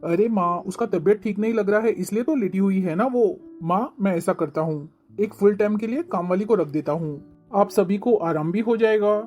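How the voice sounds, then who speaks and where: A mid-pitched, earnest young son, voiced by a woman, in a cartoon drama. He pleads and reproaches in a steady tone. Light music sits behind him. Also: normal speed, few pauses, lightly acted. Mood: pleading. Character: earnest young man, elder son defending his wife. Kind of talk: cartoon family drama voice acting.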